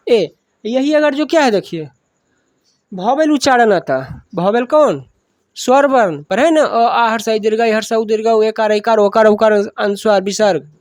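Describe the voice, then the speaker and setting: A woman's voice: fairly high pitch, darkish tone, no echo, studio quality. A woman with a Bihari accent teaching a grammar lesson, asking questions and answering them herself, repeating each point.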